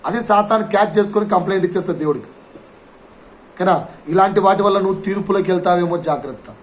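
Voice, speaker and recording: A man's voice: high-pitched, fast talker, a little hiss or hum. A man preaching a sermon in church, explaining a verse line by line and asking the congregation questions. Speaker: pastor.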